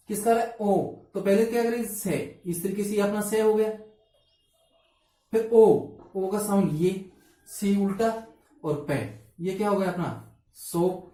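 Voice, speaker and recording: A woman teacher gives a phonetics lesson in a mellow tone, asking a question and then answering it herself. She sounds a little distant from the mic, in a strongly echoing room. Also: mid-range voice. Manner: asks questions and answers them herself, spells letters out. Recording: echoey room, from far off.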